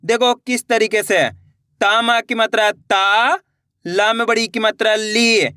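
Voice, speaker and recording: A Hindi reading teacher giving a children's lesson. The teacher stretches each word out slowly, then explains quickly and asks questions they answer themselves. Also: medium pitch, fairly even intonation, bright, forceful tone, smooth, no echo, studio quality.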